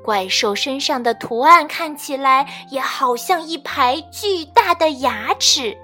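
Expressive woman reading a kids' story. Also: sits high, unhurried. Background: faint children's music.

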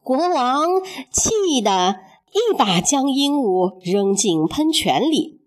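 A woman narrating a children's story in an expressive, measured storytelling manner. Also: sits high.

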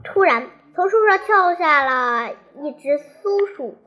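A young child tells a storybook tale, pausing and restarting as the words come. The voice is high and the pace is slow and careful. It sounds like a children's story reading. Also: lively intonation, bright, forceful tone. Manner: slow, halting telling with restarts.

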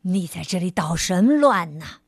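A woman's voice: lowish voice, animated, normal speed, dry recording, clean studio sound, voice pushed down. Woman putting on a grumpy old man's voice. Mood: gruff. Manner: gruff, sulky, short replies. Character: grumpy, gloomy old man. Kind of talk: children's storybook reading.

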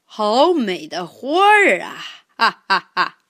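A woman's voice: medium pitch, sing-song, slow pace, a bit bright, no echo, clean studio sound, voice pushed down, exaggerated voice. A woman voicing a big, bossy male tiger who laughs smugly, in a children's storybook reading.

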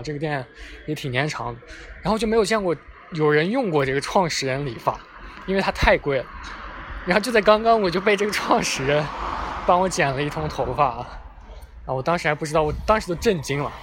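A young man casually telling a funny story, chatty and self-mocking, talking outdoors near traffic. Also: fairly high pitch. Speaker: vlogger. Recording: clear street and traffic noise behind. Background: passing vehicles.

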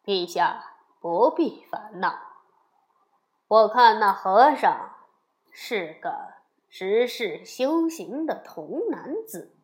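Storybook villain: a cunning demon adviser, low and pushy, played by a woman reader. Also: lively intonation, extremely slow, long pauses. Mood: scheming. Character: scheming demon posing as royal adviser. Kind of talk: children's storybook voice acting.

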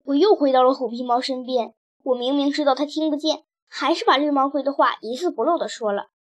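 Woman storyteller, high voice, expressive, first-person audiobook narration. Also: fairly quick.

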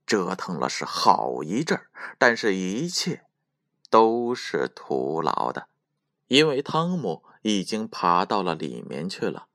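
A man gently and expressively narrating a children's storybook. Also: lowish voice, no echo, clean studio sound.

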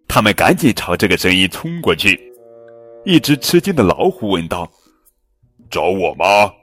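A man hosting a children's picture book reading, telling the story with animated delivery. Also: fairly low pitch, moderate pace, slightly rough. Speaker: storyteller host. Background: faint background music.

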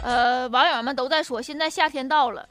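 A woman's voice: high voice, fairly quick. A woman with a Northeastern Chinese accent hosts a comic monologue in a chatty, folksy manner, telling jokes and anecdotes. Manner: chatty, folksy, often chuckling. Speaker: comedy talk show host. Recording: music behind the voice. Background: music.

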